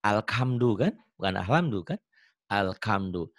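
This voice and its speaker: A man's voice: medium pitch, expressive, moderate pace, no room sound. Male Quran teacher, patient, repeats sounds to drill them, dry close sound. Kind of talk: online tajwid lesson.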